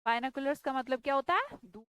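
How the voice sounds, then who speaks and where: Woman, grammar teacher, high voice, dry sound, drills students. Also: lively intonation, quick pace, bright, forceful tone, smooth, no room sound, low-quality recording. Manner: scolding, questioning students, emphatic repetition. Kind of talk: online class lecture.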